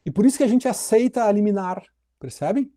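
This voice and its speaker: A middle-aged law professor lectures on legal theory, talking fast in a relaxed, chatty style. His voice is high for a man yet soft and mellow, and he keeps addressing his students directly with frequent little tag questions.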